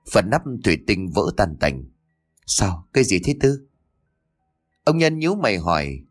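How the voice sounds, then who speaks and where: A male audiobook narrator reads a story with dramatic expression. His voice is low yet lively in pitch, with faint music underneath. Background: faint background music.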